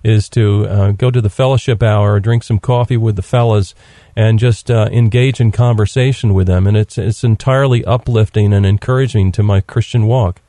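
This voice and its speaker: A man hosting a radio interview, asking questions in a measured, casual way. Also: on the low side, fairly even intonation, mellow, dry recording, clean studio sound. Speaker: radio host.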